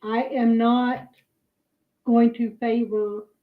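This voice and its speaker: A woman giving her opinion casually in a halting, emphatic way, heard through muffled playback. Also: a little high, little pitch movement.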